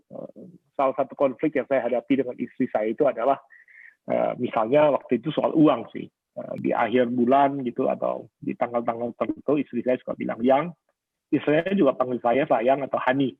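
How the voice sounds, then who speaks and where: A man's voice: medium pitch, fairly even intonation, brisk, gravelly, husky, no room sound. Man preaching over a tinny radio line. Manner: personal storytelling, addresses listeners directly. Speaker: pastor. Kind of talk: sermon on marriage.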